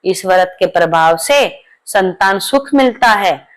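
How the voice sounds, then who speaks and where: A woman's voice: medium pitch, animated, slow pace. A woman voicing a forgiving young daughter-in-law in a devotional folk story. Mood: gentle.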